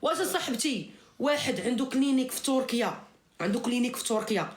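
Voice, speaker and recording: A woman's voice: on the high side, expressive, fast talker. A woman with a Moroccan accent venting in heated informal live chat, insistently repeating her phrases for emphasis. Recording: roomy, echoing sound.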